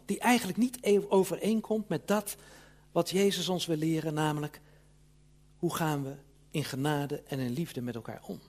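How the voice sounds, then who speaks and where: A man delivers a sermon with earnest emphasis and frequent small checks on his listeners. His voice sits fairly high and has a husky grain. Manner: earnest, emphatic preaching with tag questions. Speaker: preacher.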